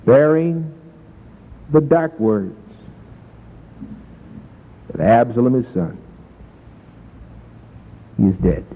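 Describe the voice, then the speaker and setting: Man, preacher, evangelistic sermon, dramatic storytelling, loud to hushed, long hall echo. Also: medium pitch, animated, very slow, pauses often. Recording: tinny lo-fi echoey hall.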